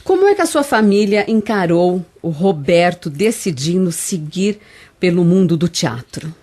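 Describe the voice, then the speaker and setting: A woman's voice: fairly low pitch, lively intonation, a little slow, mellow. A Brazilian woman hosting a radio interview in a studio, asking questions and dropping in brief encouraging remarks. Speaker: radio host.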